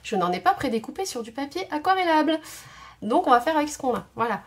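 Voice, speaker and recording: A woman's voice: sits high, very animated, fast talker. A woman hosting a craft video at home, chatting casually and thinking aloud with many hesitations. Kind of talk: casual tutorial chat. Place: home craft table indoors.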